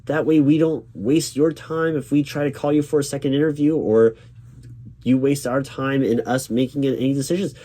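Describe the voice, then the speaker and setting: A man role-playing a job interviewer, reassuring and accommodating, halting and repeating his words as he goes. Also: mid-range voice, fairly even intonation, dark tone. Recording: lo-fi, noisy, clacking keyboard typing. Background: computer keyboard typing.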